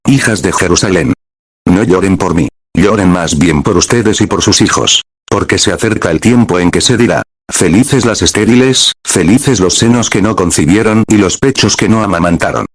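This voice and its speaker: A man reading a grave, calm prophet. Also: sits low, normal speed, no echo. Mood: solemn.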